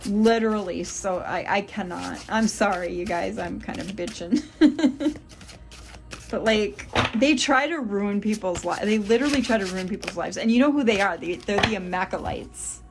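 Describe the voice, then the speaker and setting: A woman's voice: medium pitch, normal speed, noisy background. A woman giving a tarot reading to her viewers, exasperated, muttering and swearing between cards. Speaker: tarot reader.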